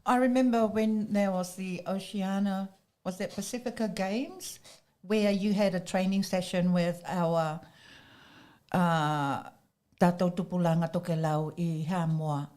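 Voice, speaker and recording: A woman's voice: on the low side, fairly even intonation, measured pace, mellow. A woman hosting an interview, politely prompting her guest with questions. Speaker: host.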